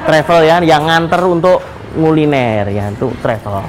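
A lively man hosts a food vlog to camera, starting on a noisy street outside a mosque and moving to a small indoor food court. He offers religious greetings and chats with vendors, speaking at a normal speed with a fairly high pitch, amid street and shop noise.

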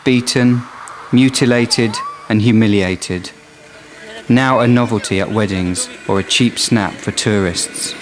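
A man presenting and narrating a nature documentary in a scripted reporting style. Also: medium pitch. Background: music under the narration.

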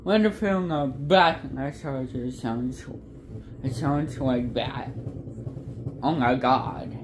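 A woman vlogging casually from her phone, exclaiming often in excitement. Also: a bass voice, slow pace, noisy background. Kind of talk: casual vlog talk.

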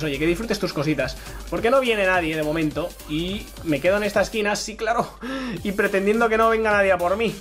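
Young man from Spain, high voice, hyped gameplay commentary over faint music. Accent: Spain Spanish. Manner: excitable, chatty, taunts opponents. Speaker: gaming YouTuber. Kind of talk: live Minecraft PvP commentary.

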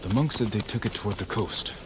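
An actor playing a calm, resolute samurai lord in a video game, measured and stoic. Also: male voice, lowish voice, very noisy, lightly acted. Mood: calm, probing. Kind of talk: video game character dialogue. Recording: loud music and rain behind.

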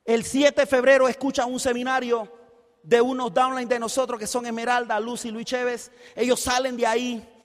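A high-pitched, fired-up Costa Rican man speaks at normal speed as a seminar speaker, telling stories energetically on stage before a live audience in a large hall. He's animated, acts out dialogue, and often shouts. The hall is echoey, with long reverb.

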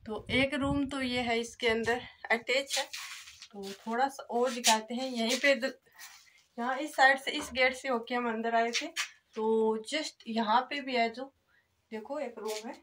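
With her phone at arm's length, a young vlogger gives a casual tour of an old, empty brick house, indoors and outdoors, talking to viewers as friends with plenty of filler phrases. Her fairly high voice stays fairly even and unhurried over a noisy background.

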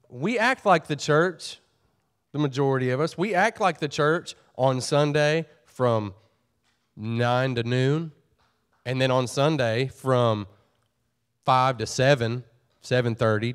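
A man's voice: mid-range voice, slow pace, clear, resonant tone. A pastor preaching a sermon to his church, earnest and folksy, often repeating and restarting his phrases.

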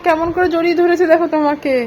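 A woman's voice: extremely high pitch, little pitch movement, rapid-fire, a crowd in the background. A young woman at home talking to her toddler in a casual vlog, coaxing and repeating herself in a sing-song way. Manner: coaxing, repetitive, sing-song toward a small child. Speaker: mother and vlogger. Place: home, indoors.

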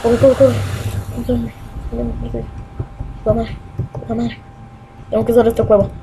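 A young man with a Peruvian accent giving excitable gameplay commentary, muttering repeated words and swearing as he plays. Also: extremely high pitch, a little slow, a little hiss or hum, poor audio. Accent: Peruvian Spanish. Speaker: gamer.

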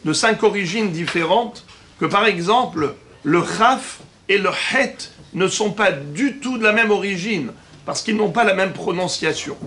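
A man, a rabbi, giving a religious lesson, explaining patiently and slowing down to spell out Hebrew terms. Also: high voice, a bit bright, a little hiss or hum.

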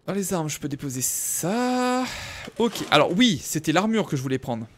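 Lively chatty male game streamer. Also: fairly high pitch, normal speed. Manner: chatty, thinks aloud, talks to chat viewers. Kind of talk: casual live gameplay commentary.

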